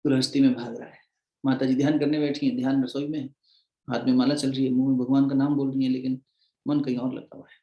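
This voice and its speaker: A man acting as a spiritual teacher in a conversational devotional discourse, chanting verses slowly between explanations. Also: medium pitch, little pitch movement, roomy sound, muffled recording.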